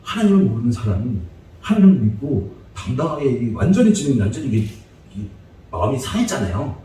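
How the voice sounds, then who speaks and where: Guy preaching, jokey and chatty, laughs a lot, mellow voice, booming echoey church, mic far off. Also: very animated, a little fast, slight background noise. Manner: joking, chatty storytelling with frequent laughter. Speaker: evangelist preacher. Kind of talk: humorous sermon lecture. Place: church sanctuary.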